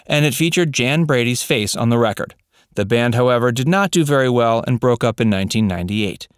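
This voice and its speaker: A man narrating a scripted voice-over, reading facts in an even, read-out way. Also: mid-range voice, smooth, no echo, clean studio sound.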